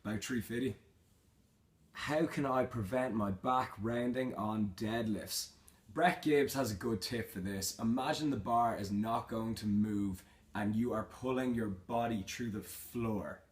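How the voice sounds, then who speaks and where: Young man, fairly low voice, casual vlogger Q&A, reads and answers questions, plain-spoken, slangy. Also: unhurried. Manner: informal, matter-of-fact, slangy. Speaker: fitness vlogger.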